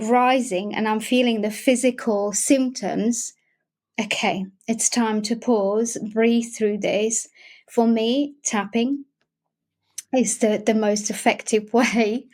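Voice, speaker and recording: In a relaxed interview, a young adult woman with a Slovak accent appears as a guest and emotional wellbeing facilitator. Her voice sits a bit high, and she sounds hesitant, often pausing, restarting and using fillers as she searches for words.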